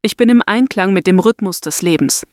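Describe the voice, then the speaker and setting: In a soft, calming voice, a woman guides listeners through a meditation, her pitch resting in the middle range. She speaks every phrase slowly and with care, much like reading scripted affirmations. The recording is close and dry, with no room sound.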